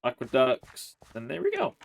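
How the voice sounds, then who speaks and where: A man hosting a Let's Play, chatting through his gameplay in a relaxed, rambling way, thinking aloud with plenty of "uh" and "like". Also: mid-range voice, moderate pace, vocal fry. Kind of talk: casual gameplay commentary.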